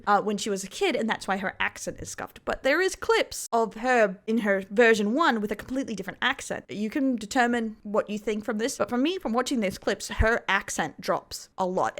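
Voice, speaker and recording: A woman's voice: mid-range voice, fairly bright tone. A woman with an Australian accent narrating a commentary video in a rambling, self-correcting way.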